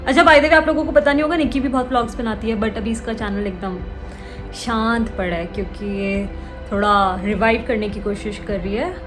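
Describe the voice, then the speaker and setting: A woman's voice: a little high, a little fast, music in the background. A young woman chatting casually in a home vlog, teasing her sister and talking to viewers. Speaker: vlogger.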